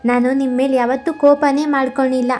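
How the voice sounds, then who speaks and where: A woman voicing a gentle, forgiving elder daughter who soothes and reassures her family in a cartoon story. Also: high voice, level tone, a little fast, lightly acted. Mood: soothing. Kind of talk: storybook character voice.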